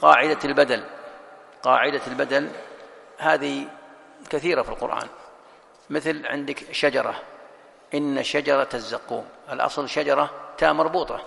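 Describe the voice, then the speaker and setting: A man's voice: mid-range voice, vocal fry, bright, forceful tone, in a large hall. A sheikh lecturing on a religious text, explaining it point by point and asking and answering his own questions.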